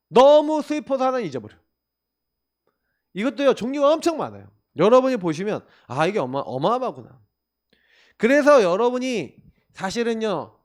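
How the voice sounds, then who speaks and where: A male pastor giving a sermon in an emphatic, conversational way, asking the listeners rhetorical questions. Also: sits high. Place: church.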